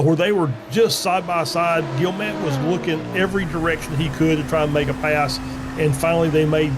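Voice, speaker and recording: Slightly high-voiced male motorsport co-commentator. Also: background noise. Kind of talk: motorsport race commentary and analysis.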